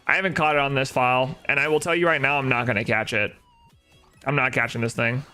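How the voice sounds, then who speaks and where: A man's voice: mid-range voice, steady tone, quick pace, bright, forceful tone, soft background music. A young man, chatting casually on a live stream, opinionated and answering his chat with rhetorical questions. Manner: opinionated, talks back to chat with rhetorical "right?".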